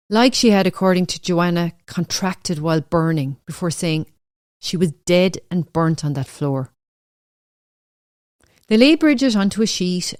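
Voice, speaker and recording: Woman reading a true crime story, low voice, steady and solemn, dry close sound. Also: no room sound. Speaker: podcast narrator. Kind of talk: scripted true-crime narration.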